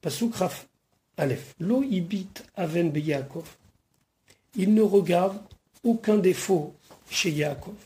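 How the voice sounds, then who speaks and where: A rabbi leads a verse-by-verse study lesson in a mellow, warm voice. He reads short Hebrew phrases and then patiently unpacks each one, explaining the grammar along the way. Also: high voice. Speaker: rabbi teaching the weekly Torah portion.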